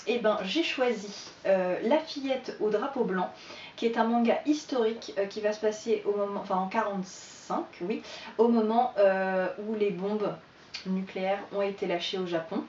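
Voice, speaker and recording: A woman talks through her reading list in a relaxed, chatty way, pausing often on fillers. Her voice sits in a middle pitch and sounds a little distant from the mic. The room is echoey and the sound a bit muffled, with faint noise underneath. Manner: chatty, hesitant with many fillers. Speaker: book vlogger. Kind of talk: casual book chat to camera.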